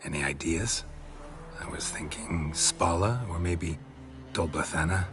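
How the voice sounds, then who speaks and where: A male actor voices a laconic, weary, guarded monster hunter in video game dialogue, with music playing behind him. His low-pitched voice moves a little slowly and sounds hesitant, delivering lines tersely and with understatement.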